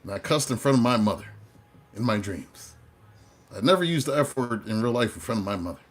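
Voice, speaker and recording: A middle-aged man, a tarot reader, telling stories in a casual way and acting out the lines he quotes with sudden loud jumps. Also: medium pitch, animated, a little fast. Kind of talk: casual storytelling on a live reading.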